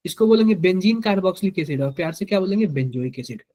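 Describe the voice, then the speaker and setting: A man's voice: high-pitched, expressive, racing, mellow. A man with a Hindi accent teaching chemistry to a live class, quizzing students and repeating each answer to drill it in.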